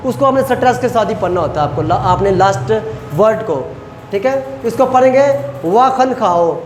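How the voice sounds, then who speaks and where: A man teaching a class, explaining rules step by step and slowly repeating example phrases. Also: high voice, animated. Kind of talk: classroom lecture. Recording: echoey lecture hall with faint noise.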